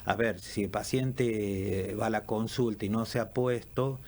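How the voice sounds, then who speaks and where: A man, a lung doctor answering questions in a radio interview, measured and explanatory with frequent fillers. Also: on the low side, steady tone, a little mellow. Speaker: pulmonologist guest.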